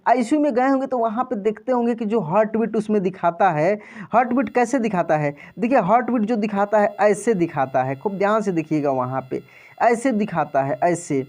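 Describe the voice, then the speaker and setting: A man's voice: sits high, moderate pace. A patient man teaches a video lesson to grown learners. He repeats each point, stretches and stresses vowel sounds so they can copy him, and keeps asking whether they understand. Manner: patient and repetitive, drawing out vowel sounds loudly for practice; addresses viewers as friends and often checks understanding.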